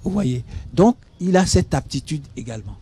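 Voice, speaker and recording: This man from Benin, a guest expert on a studio talk show, has a voice on the high side that is expressive, mellow, and slightly rough, moving at a moderate pace. Captured on a studio mic, he explains speaking skills didactically, spelling out words and asking "hein?"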